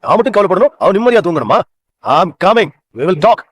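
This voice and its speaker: A man's voice: sits high, sing-song, normal speed, no room sound. An actor playing an aggrieved man calling out to a woman who will not open the door. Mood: indignant. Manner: indignant, calling out. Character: aggrieved man locked out, resentful. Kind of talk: TV serial acting.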